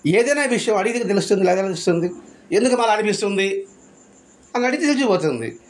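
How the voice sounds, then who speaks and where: A man's voice: high voice, expressive, fast. A man giving a devotional discourse, full of rhetorical questions and repeated phrases. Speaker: spiritual speaker.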